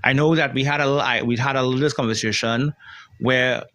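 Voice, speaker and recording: A man's voice: mid-range voice, steady tone, brisk, bright, forceful tone. Guy hosting a podcast chat, upbeat, rambles and repeats stuff, normal mid voice. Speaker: host. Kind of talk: podcast interview.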